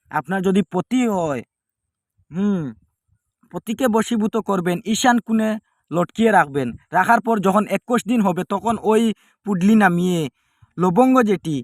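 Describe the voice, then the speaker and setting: A man with a fairly high voice talks through a home ritual one step at a time, pausing and circling back to repeat each instruction. There is no microphone, only the device's built-in one, and the sound is close and dry with almost no room echo. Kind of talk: step-by-step spoken demonstration. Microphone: no microphone, device's built-in mic.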